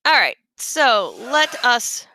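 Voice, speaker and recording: A woman's voice: fairly high pitch, big pitch swings, slow pace, sharp tone. A woman giving casual, chatty live commentary on her own game run, with playful asides.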